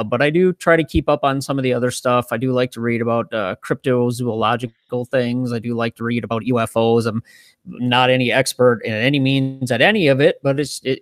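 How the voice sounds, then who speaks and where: A man co-hosting a podcast, explaining his points in a measured, relaxed way. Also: mid-range voice, no room sound. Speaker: podcast co-host. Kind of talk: casual podcast chat.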